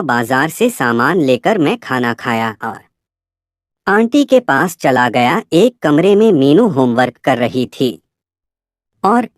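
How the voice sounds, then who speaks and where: A woman with a low voice narrates a story at an unhurried pace. Her pitch rises and falls a great deal, and the recording is dry and close. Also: dry recording. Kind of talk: first-person story narration.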